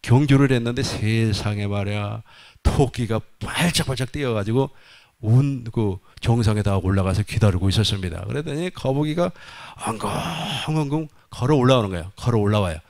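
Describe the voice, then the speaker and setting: Male preacher, mid-pitched voice, insistent repeated points, folksy asides. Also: normal speed, darkish tone. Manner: emphatic repetition, folksy asides. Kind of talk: sermon.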